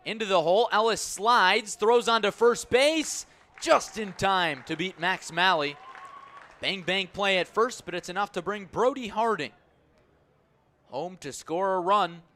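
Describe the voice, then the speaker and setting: A man calls baseball play-by-play live on the radio, staying measured between pitches and swelling into excited calls when plays happen.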